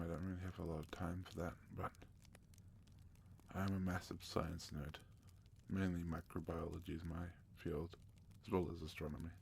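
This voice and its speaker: A man from South Africa hosting a soft-spoken ASMR question-and-answer session, gentle and sometimes slipping into a whisper. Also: sits low, creaky, a little hiss or hum. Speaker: ASMR channel host.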